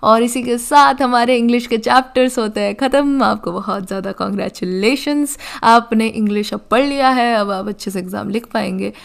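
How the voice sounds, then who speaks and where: A woman teacher with a smooth, clear voice pitched a little high. She reads English text slowly and with care, then explains it in a quick, chatty way full of fillers. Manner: slow, deliberate reading of English, quick loose Hindi explanation with many fillers. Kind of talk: reading an English story aloud and explaining it in Hindi.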